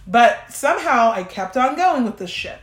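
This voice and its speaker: A woman hosting a podcast, telling a personal story in a casual, animated way, swearing freely and acting out what she and others said. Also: fairly high pitch, moderate pace. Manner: profane, animated, quoting herself and others. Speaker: podcast host. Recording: roomy echo.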